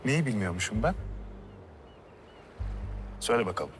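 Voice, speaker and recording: A man's voice: on the low side, big pitch swings, normal speed, big-room sound, over music. An actor playing a bitter, defiant captive who accuses his captors.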